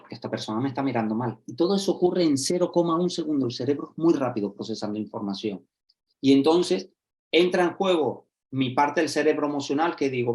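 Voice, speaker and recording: A social educator from explains things to fellow educators over a video call. He is animated and acts out little scenes in different voices. He keeps checking that the listeners are following him. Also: on the high side. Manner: lively, acts out examples, checks in with "¿vale?" and "¿sí?". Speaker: social educator giving a talk.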